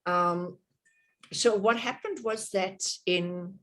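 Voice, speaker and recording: Speaking slowly, a middle-aged woman with a South African accent leads an online workshop on a video call in a mid-range, fairly bright voice. Her delivery is chatty and full of fillers and restarts.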